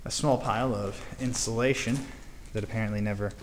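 An urban explorer gives a calm, matter-of-fact walking commentary, with filler pauses, as he moves outdoors and through an abandoned barn-like building. His voice sits lowish. It's captured on a handheld camera mic, with clear background noise.

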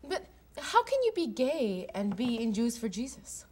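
A woman's voice: on the high side, very animated, moderate pace, a little mellow. A young woman playing a blunt, prying friend. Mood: pointed. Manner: blunt, confrontational. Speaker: actor. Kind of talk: sitcom acting. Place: studio set.

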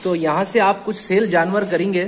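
There is a little hiss or hum as this high-pitched man talks at normal speed in a steady tone. The host of a goat channel, speaking with a Hyderabadi Hindi-Urdu accent, he chats through a casual interview on location at a goat farm, echoing the answers he hears.

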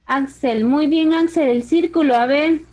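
Slow, sing-song kindergarten teacher woman. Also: high-pitched, noisy background. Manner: coaxing, sing-song, stretches words out slowly. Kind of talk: online class for small children. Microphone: video call.

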